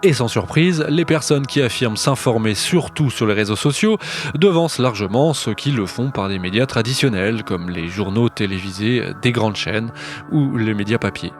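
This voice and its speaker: A man's voice: fairly low pitch, expressive, normal speed, faint music behind. A man co-hosting a podcast, reading narration and chiming in with playful questions and asides. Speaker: podcast co-host. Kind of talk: scripted podcast narration and banter.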